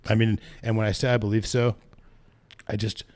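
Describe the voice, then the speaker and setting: Low-voiced man chatting about bikes. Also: little pitch movement, moderate pace, a little mellow. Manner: rambling, self-correcting, laughs at own stories. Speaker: podcast co-host, bike shop staff. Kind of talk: casual chat.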